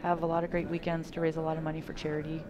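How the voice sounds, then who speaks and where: Chatty commentator with a faint Canadian lilt. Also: female voice, deep voice, monotone, racing, muffled recording, a crowd in the background. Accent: slight Canadian. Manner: chatty, explains shots with frequent ums. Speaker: color commentator. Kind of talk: live sports commentary. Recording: loud background noise at the venue.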